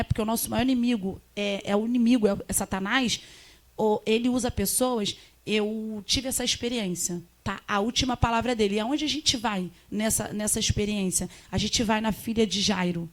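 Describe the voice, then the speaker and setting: Emphatic high-voiced woman testifying. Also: moderate pace. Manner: emphatic, animated storytelling. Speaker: guest, missionary.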